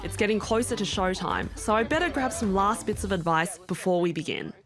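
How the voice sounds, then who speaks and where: A woman's voice: medium pitch, animated, a little fast, over music. An Australian woman from Melbourne, a comedian hosting a travel show, chatting and doing stand-up with frequent laughs.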